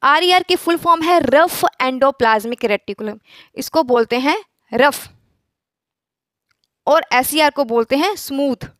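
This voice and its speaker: A woman's voice: high-pitched, measured pace, long pauses, a bit bright, no echo, studio quality. A woman teaching a biology lesson, asking herself rhetorical questions and answering them, mixing English phrases into her speech. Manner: repeats key words. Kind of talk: classroom lecture.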